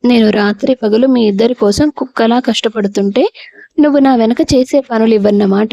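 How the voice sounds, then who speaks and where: A woman's voice: fairly high pitch, normal speed, creaky, mellow, no echo, muffled recording. A woman voicing a bitter, resentful young husband who snaps scornfully. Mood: angry. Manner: scornful, snapping.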